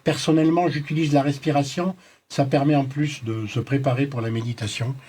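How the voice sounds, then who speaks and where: A man's voice: medium pitch, fairly even intonation, a little fast, darkish tone, husky. A man chatting casually as he gives spiritual numerology readings, in an informal, joking and teasing way. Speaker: numerologist guest giving readings to callers.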